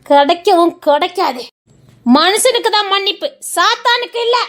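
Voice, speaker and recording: A woman's voice: extremely high pitch, lively intonation, moderate pace, a bit bright. An actress with a Tirunelveli Tamil accent playing a bitter village woman who curses and accuses. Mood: vengeful. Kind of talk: dramatic serial acting.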